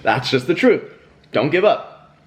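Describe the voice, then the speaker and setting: A man's voice: on the high side, big pitch swings, a little slow, slight background noise. A young man talking casually to the camera while eating, rambling and laughing between bites. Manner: chatty and rambling, with fillers, laughs and self-talk. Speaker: YouTuber hosting a mukbang.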